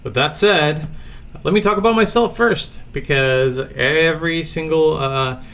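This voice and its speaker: A man's voice: fairly high pitch, unhurried, gravelly, a bit bright. A man from Latvia presenting a recorded conference talk from a home office, speaking casually with many fillers.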